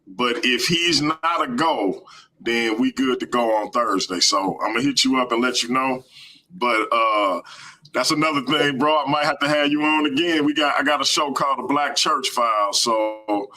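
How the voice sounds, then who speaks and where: A man hosting a live stream, talking casually in slangy, energetic bursts. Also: medium pitch, moderate pace, low-quality recording.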